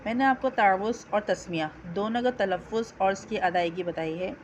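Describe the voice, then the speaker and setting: A woman teaching Quran recitation, chanting each phrase slowly and drawn out, with quick spoken instructions between them. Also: medium pitch, slight background noise. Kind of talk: slow call-and-repeat recitation lesson.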